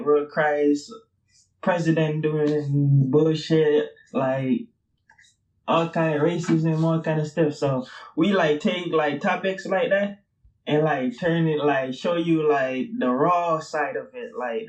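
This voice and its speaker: A streetwear brand founder in his twenties, hailing from Brooklyn, New York, rambles casually as an interview guest, dropping fillers and swear words throughout. He has a fairly high, steady voice and speaks a bit slowly, captured in a rough recording.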